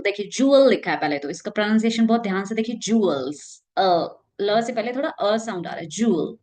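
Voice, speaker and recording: A woman's voice: a little high, a little mellow. Woman teaching vocabulary, patient and chatty. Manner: explains patiently, mixes Hindi and English, reads definitions slowly. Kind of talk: casual Hindi-English explanation lesson.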